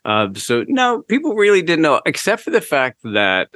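A man's voice: fairly high pitch, wildly swooping pitch, normal speed, a bit bright, dry recording, studio quality. Chatty Canadian man telling stories. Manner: chatty, laughs often, mimics others. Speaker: guest. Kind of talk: casual storytelling interview.

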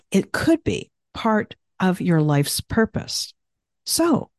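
A woman hosting a solo podcast, giving encouraging advice in a soothing way with slow, emphatic pauses. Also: lowish voice, darkish tone, no room sound, studio quality. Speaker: podcast host and coach.

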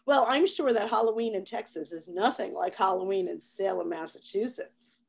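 Expressive woman hosting an interview. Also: mid-range voice, moderate pace, creaky, slightly rough. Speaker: interview host. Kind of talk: casual interview.

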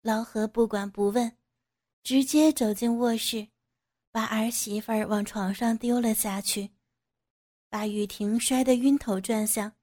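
A woman reading an audio story aloud with steady, even storytelling narration. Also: on the high side.

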